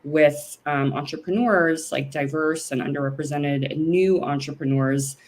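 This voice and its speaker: Low voiced woman guest chatting on a video call, lots of ums and you knows. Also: normal speed. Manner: chatty, with many fillers and restarts. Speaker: company president, guest. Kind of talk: casual video-call interview.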